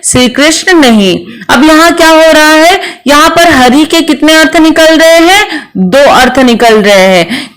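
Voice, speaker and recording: A woman's voice: high-pitched, fairly bright tone. A middle-aged woman teaching a Hindi lesson online, explaining step by step and reading verse examples aloud.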